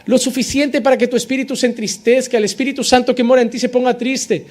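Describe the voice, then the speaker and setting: High-voiced man preaching a fervent sermon. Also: fairly even intonation, quick pace. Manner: preaches with rising insistent repetition, acting out quoted believers. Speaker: pastor.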